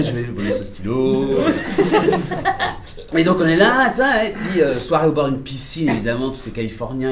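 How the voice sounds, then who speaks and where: A man directing a film, telling animated anecdotes at a press conference, mimicking voices and laughing often. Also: medium pitch, echoey room, background noise.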